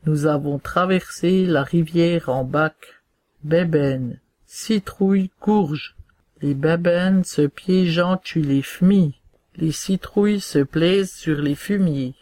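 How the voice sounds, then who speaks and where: A man reads dialect dictionary entries one by one, giving each word, its variants and then its meaning. He goes very slowly and deliberately in a somewhat high voice. The sound is dry and close, with no room echo. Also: a little mellow. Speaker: reader of a regional dialect glossary. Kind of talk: slow reading of dictionary entries.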